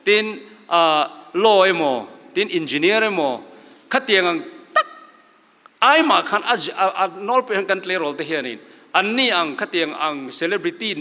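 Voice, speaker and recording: A man's voice: fairly high pitch, pushed and bright. A church elder from Mizoram giving an earnest, exhorting motivational sermon to young people, quoting scripture as he goes. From Mizoram, India. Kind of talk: sermon-style motivational speech. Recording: long hall reverb.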